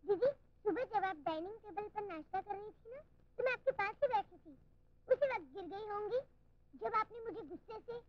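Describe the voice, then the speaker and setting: Cute chatty little girl, super high, begging, muffled hissy old film sound. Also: lively intonation, a little fast. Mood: wheedling. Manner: childlike, wheedling.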